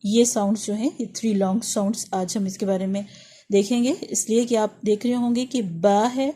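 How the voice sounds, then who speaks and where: A woman teaching an online lesson on reading Quranic letters, who explains patiently and sounds out each letter slowly, over and over. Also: medium pitch, steady tone, mellow. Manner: patient, demonstrates sounds slowly and repeats them.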